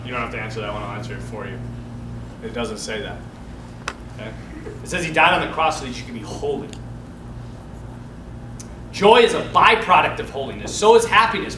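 A man's voice: medium pitch, fairly quick, long pauses. A man, a priest, giving an informal, sermon-like talk on parenting in a rambling, storytelling way, acting out the voices he quotes. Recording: echoey hall, distant mic, background noise.

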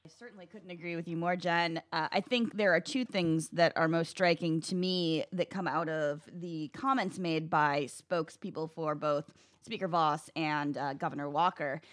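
A woman's voice: low voice, steady tone, normal speed, a bit bright, no echo, studio quality. A woman panelist in a political discussion, giving incredulous, critical commentary.

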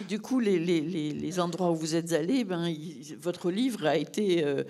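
Interviewer who hesitates a lot, mid-pitched voice. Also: darkish tone. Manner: hesitant, halting. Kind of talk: casual interview questions.

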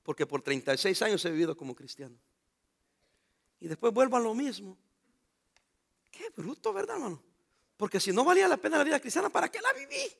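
A man's voice: high voice, big pitch swings, brisk, gravelly, long pauses. A middle-aged man, a pastor preaching a sermon with emphatic rhetorical questions to his congregation.

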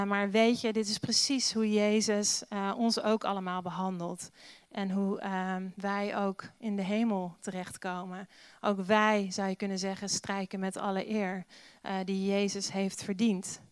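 Woman preacher, sermon with scripture reading, easygoing and full of rhetorical questions, smooth voice, dry close sound. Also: mid-range voice, no room sound. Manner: conversational, many filler sounds, rhetorical questions.

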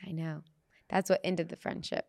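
A woman's voice: lowish voice, level tone, normal speed, creaky, no echo, clean studio sound. A woman hosting a podcast who tells stories chattily and laughs through them. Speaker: podcast host. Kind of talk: casual podcast storytelling.

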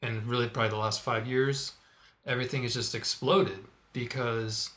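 A young man co-hosts a podcast in casual chat, rambling and joking as he goes. His voice is bright and forward, at a middle pitch. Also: fairly even intonation, moderate pace. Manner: rambling, jokey, lots of restarts and laughs. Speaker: podcast co-host.

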